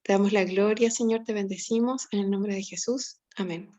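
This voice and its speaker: A woman's voice: medium pitch, fairly even intonation, normal speed, warm tone, dull audio. A woman leading an opening prayer in a spontaneous, fervent manner, addressing God again and again. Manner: fervent, repeats "Señor" often. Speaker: class participant leading prayer.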